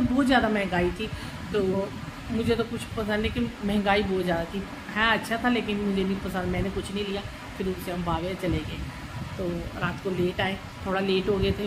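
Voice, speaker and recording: Chatting casually in a home vlog, a middle-aged woman does kitchen chores and rambles from topic to topic, sometimes drifting away from the phone. Her voice is mid-range, and there's noise in the background.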